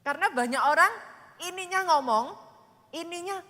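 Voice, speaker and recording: A woman pastor, preaching a dramatic sermon that swings from loud to whispered. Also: extremely high pitch, lively intonation, moderate pace. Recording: long hall reverb.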